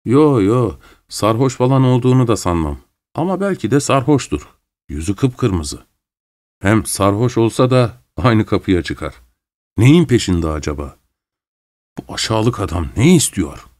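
A man reading an audiobook, voicing an irritable, suspicious middle-aged gentleman who talks bluntly and sharply. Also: fairly low pitch, sing-song, a little slow.

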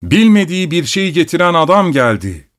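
Man voicing a poor storybook peasant: earnest, persistent, pitched up above the narration. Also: sing-song, normal speed, fairly bright tone.

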